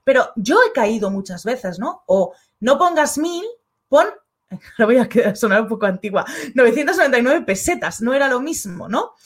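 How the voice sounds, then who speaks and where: A woman's voice: a little high, lively intonation, moderate pace, husky. A woman with a Spain Spanish accent, hosting a casual live stream and reading out viewers' comments. She is chatty and acts out little everyday dialogues. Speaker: online course creator and live-stream host.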